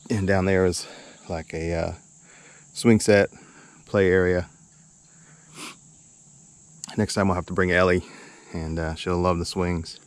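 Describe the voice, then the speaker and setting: Outdoor background noise surrounds a man narrating his casual camping vlog at a campsite as the channel's host. He rambles, hesitates and chuckles easily, speaking in a low voice with a level tone at a moderate pace.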